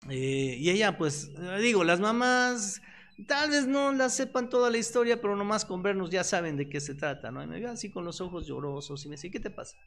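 Lively Mexican preacher, slightly high voice. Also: male voice, normal speed. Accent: Mexican Spanish. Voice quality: animated storyteller who acts out quoted voices. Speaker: pastor and radio host. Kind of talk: radio sermon. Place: radio studio.

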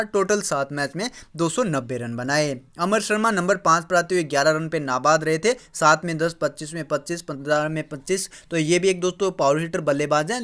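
A man with a fairly high voice gives fantasy cricket tips in a casual voice-over. He runs through players' stats one after another and keeps calling his listeners friends. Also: fairly bright tone. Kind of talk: casual talk over screen recording.

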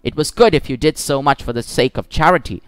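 A man reading the lines of a clever young woman lawyer in disguise, pleading in a firm, measured way. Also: mid-range voice, clean tone, dry recording, natural voice. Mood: stern.

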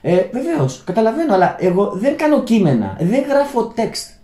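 Greek man, lively rambling host, dark voice, echoey room. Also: sits high. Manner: rambling, many restarts, addresses "friends". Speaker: channel host. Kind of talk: unscripted monologue to viewers. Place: Germany, indoor room.

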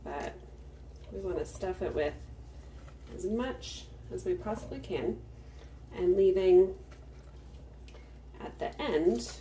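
A woman's voice: on the low side, animated, slow, long pauses, warm tone, far from the mic, slight background noise. A woman hosting a cook-with-me video, explaining each step at an easy pace while she works in her home kitchen. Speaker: home cook, farmstead channel host. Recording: roomy kitchen sound from off-mic.

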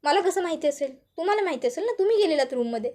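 A woman voicing a gentle young husband who jokes and coaxes while second-guessing himself. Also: very high voice, animated, rapid-fire. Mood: teasing.

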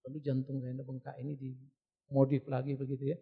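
A man's voice: medium pitch, monotone, moderate pace, breathy edge, narrow, tinny audio. A male pastor giving a sermon in a blunt, joking, direct way.

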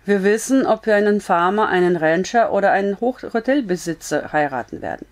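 A woman's voice: mid-range voice, animated, fairly quick, lightly acted. A woman reading a story aloud, voicing a frank, blunt but comforting young woman in an earnest, raised voice.

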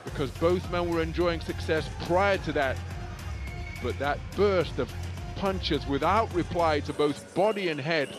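A man calling a boxing bout live in fluent, articulate play-by-play with colorful phrasing. His voice sits a touch high for a man. Music runs clearly underneath the commentary. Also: a little slow.

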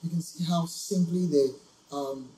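A man's voice: fairly high pitch, steady tone, measured pace, reverberant, a crowd in the background, low-quality recording. A man co-hosting a vocal reaction show, earnestly explaining music production in casual chat. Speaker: music coach co-host.

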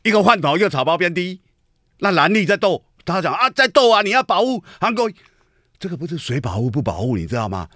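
A man's voice: high voice, very animated, quick pace, sharp tone, no echo, studio quality. A man hosting a radio talk show, giving an emphatic political commentary monologue full of rhetorical questions to his listeners. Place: radio studio.

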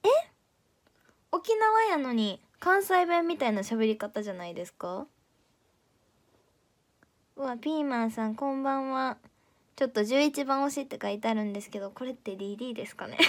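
Playful Kansai teen girl, somewhat high. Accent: Kansai Japanese. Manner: playful and teasing, chatty. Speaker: idol audition candidate streaming live. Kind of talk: casual livestream chat reading viewer comments.

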